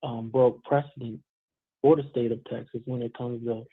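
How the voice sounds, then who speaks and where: A man's voice: mid-range voice, steady tone, moderate pace, breathy edge, no echo. A man from Virginia calling in to a live show over a muffled Bluetooth phone line, speaking hesitantly with many ums and restarts. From Virginia, USA. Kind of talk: call-in commentary. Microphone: Bluetooth headset on a phone call.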